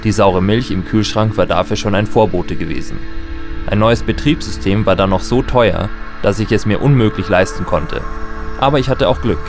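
A man's voice: fairly low pitch, close to an everyday voice. An actor playing a nostalgic, wary man in a futuristic smart home, narrating and talking in a musing, conversational radio drama style. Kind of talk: radio drama narration and dialogue in first person.

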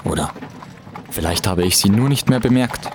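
A man acts out a weary, courtly knight in a radio play. His voice is on the low side and swings expressively, with dry, measured phrasing. Background noise is clearly audible. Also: lively intonation, lightly acted. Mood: wistful. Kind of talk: scripted audio drama acting.

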